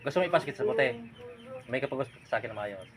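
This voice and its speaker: A man's voice: medium pitch, lively intonation, racing, a little hiss or hum. A man working as a folk healer, firmly and insistently questioning a spirit during a healing ritual. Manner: commanding, insistent, repeatedly prodding with "ha?".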